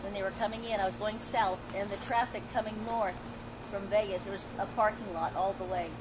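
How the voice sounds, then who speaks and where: A woman's voice: medium pitch, fairly even intonation, brisk. Woman, casual chatty aside, mid-range voice, noticeable background noise. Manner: chatty, chimes in with her own account. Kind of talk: casual chat.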